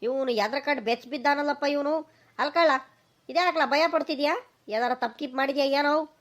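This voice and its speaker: A woman's voice: sits high, brisk, pitched above the performer's own voice, lightly acted. Woman voicing a stern suspicious village father. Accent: rural Karnataka Kannada. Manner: scolding, demanding questions.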